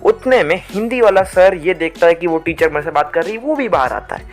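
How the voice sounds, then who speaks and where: Young male storyteller from India, lively rambling delivery over light background music. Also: sits high, a little fast. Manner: rambling, animated, restarts often, acts out teachers. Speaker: storytime vlogger. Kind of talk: casual storytelling monologue.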